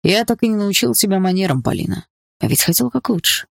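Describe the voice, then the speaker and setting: A cruel, well-groomed villain who coaxes with a gentle fatherly tone and turns cold in a breath. His voice is gravelly and dry as a male narrator plays him, and it swings widely in pitch. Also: animated, fast, no room sound, exaggerated voice. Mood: falsely gentle. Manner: mock-gentle, fatherly menace. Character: smooth cruel middle-aged stepfather villain.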